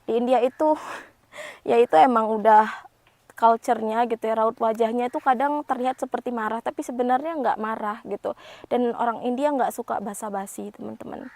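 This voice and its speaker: A woman's voice: a little high, fairly even intonation, fairly quick, a little mellow, dry recording. A young woman from Indonesia chatting casually to camera as a vlogger, with frequent fillers and tag phrases. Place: home.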